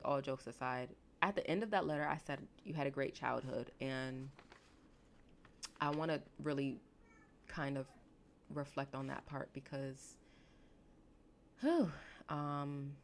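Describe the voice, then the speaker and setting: Slow gravelly-voiced woman reflecting. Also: very deep voice, a little hiss or hum. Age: late 20s. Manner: slow, halting, emotional with many restarts. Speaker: podcast host and therapist. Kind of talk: reflective solo podcast talk.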